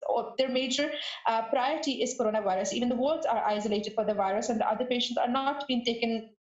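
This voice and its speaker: A woman on a podcast panel answering a question off the cuff, pausing, restarting and searching for words. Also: fairly high pitch. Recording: roomy, dull lo-fi sound.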